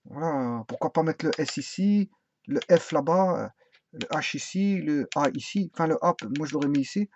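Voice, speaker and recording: A man's voice: on the high side, moderate pace, darkish tone. A man explaining a laptop keyboard in a casual spoken tutorial, rambling and hesitant with many fillers and restarts. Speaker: tutorial presenter. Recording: dull lo-fi sound with faint hiss.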